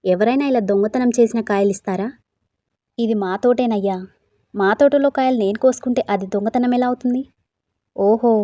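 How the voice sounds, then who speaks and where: Female storyteller, mellow voice, dry close recording, voices all the characters plainly. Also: mid-range voice, no room sound.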